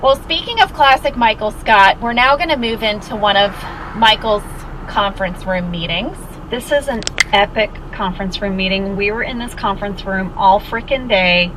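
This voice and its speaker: A woman's voice: mid-range voice, moderate pace. A woman co-hosting a podcast, telling stories in a casual recap style and quoting other people as she goes. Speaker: podcast co-host. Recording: podcast heard over clear car and road noise. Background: vehicle and outdoor traffic noise.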